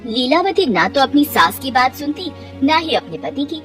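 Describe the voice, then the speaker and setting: Lively woman storyteller. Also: high voice, moderate pace, soft background music. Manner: lively, switches voices for characters. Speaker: narrator and voice of all women. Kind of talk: storybook narration with character voices.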